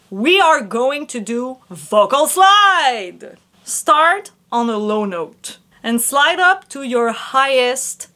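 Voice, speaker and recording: Woman, singing teacher, slow clear instructions, higher voice, animated intonation. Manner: slow, clear instructions with sung vocal examples. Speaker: vocal coach. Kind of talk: singing lesson with demonstrations.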